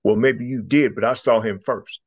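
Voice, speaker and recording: A man's voice: medium pitch, steady tone, husky, natural voice. A man voicing a stubborn, argumentative male alligator in a storybook. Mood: arguing. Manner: argumentative, drawn-out. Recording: dull lo-fi recording.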